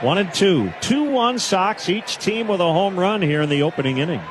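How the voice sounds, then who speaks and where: A man calling radio baseball play-by-play, with brisk calls that climb into shouts on big hits. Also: a little high, animated, noisy background. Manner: brisk calls that rise into shouted home run calls. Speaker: play-by-play announcer.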